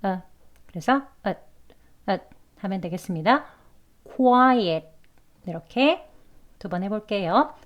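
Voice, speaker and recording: A woman teaching English pronunciation, sounding out each syllable slowly and carefully as she explains it. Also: medium pitch, expressive. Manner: slow, careful demonstration of sounds. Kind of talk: pronunciation lesson. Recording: dull lo-fi recording.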